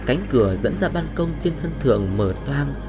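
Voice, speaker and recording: A man's voice: medium pitch, normal speed, music in the background. A man narrating a horror story in a dramatic, suspenseful way. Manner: expressive, suspenseful.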